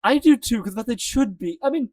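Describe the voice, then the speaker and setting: A man co-hosting a casual fan chat, excitable and gushing, recorded on a distant mic. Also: very high voice, no room sound. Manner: excitable, gushing, quick talker. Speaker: podcast co-host.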